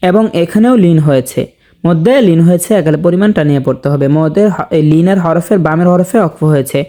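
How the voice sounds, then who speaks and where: A man teaching Quran recitation step by step, explaining slowly and deliberately. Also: a little high, mellow. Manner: slow, deliberate explanation with drawn-out sample recitation.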